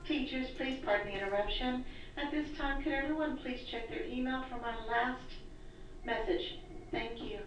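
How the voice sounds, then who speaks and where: A woman making a polite announcement to teachers over a school intercom loudspeaker, heard inside a classroom. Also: high voice, steady tone, moderate pace. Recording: echoey distant loudspeaker, faint hum.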